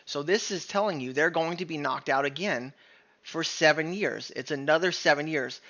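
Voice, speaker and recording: A man leads an informal bible study, talking earnestly and stopping often to check in with his listeners or correct himself. His voice is bright and forceful. The audio is dull and lo-fi. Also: on the high side, moderate pace. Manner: earnest, conversational, many "right?" checks and self-corrections. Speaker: bible teacher.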